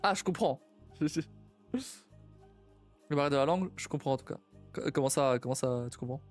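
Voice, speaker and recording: On a live stream, a young man from a Portuguese family talks casually and thinks out loud, halting with many repeats and restarts and laughing frequently. His voice is mid-range, and soft music plays behind him.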